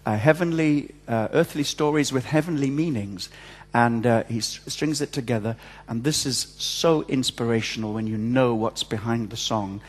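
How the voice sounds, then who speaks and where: A man with an ordinary mid-pitched voice speaks into a pulpit microphone, jovial and self-mocking as he gives church notices. His voice rings through a large church hall with a long, trailing reverb. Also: normal speed. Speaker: church service leader giving announcements.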